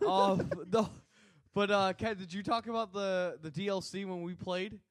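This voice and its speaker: A man's voice: sits high, dry recording. A young man co-hosting a gaming podcast, out of breath, telling a story with lots of laughter and acted-out quotes. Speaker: podcast co-host. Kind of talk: casual gaming chat.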